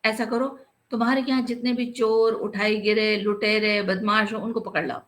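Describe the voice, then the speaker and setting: A woman's voice: mid-range voice, flat delivery, moderate pace, a bit bright, close to an everyday voice, poor audio. Woman voicing a bossy scheming police inspector. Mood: lecturing. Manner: scolding, lecturing.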